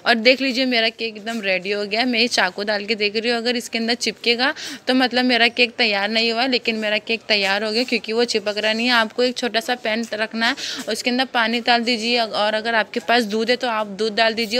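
In a slightly high, sharp voice, a young woman gives a casual, step-by-step demo of a home recipe, talking chattily with lots of fillers. The cooking vlogger records on a phone camera aimed down at her hands in the kitchen.

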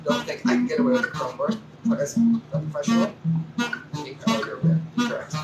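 A man's voice: fairly high pitch, big pitch swings, brisk. A man chatting casually on a live music stream, joking, swearing freely and breaking into song. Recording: roomy sound from a distance, music playing.

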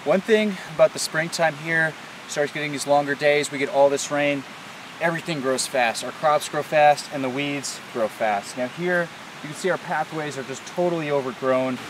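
A man in his thirties with a fairly high voice speaks at a moderate pace outdoors on a farm, plainly and informally explaining things like a farmer hosting a casual vlog. The audio is clear but has background noise and hiss.

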